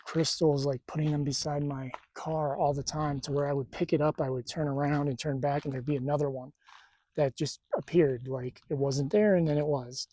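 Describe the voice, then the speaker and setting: A man talking casually to camera at a desert campsite, halting and stuttering, with a tight, strained throat. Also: a little high, warm tone. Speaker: spiritual vlogger.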